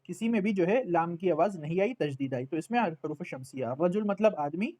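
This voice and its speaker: A man's voice: sits high, expressive, darkish tone. A man teaching Arabic letters in an online lesson, patiently repeating words and checking that his students follow.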